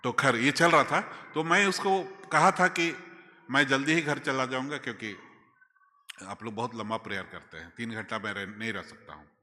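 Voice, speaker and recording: A man, a bishop telling a personal story in a sermon, moving between loud exclamations and quiet asides. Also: mid-range voice, moderate pace, in a large hall. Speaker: bishop preaching. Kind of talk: sermon testimony. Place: church hall.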